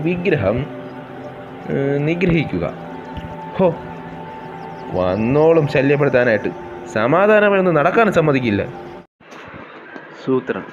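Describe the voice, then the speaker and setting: A man reading a children's comic story aloud, switching lively between character voices. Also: medium pitch. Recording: dull lo-fi with clear music.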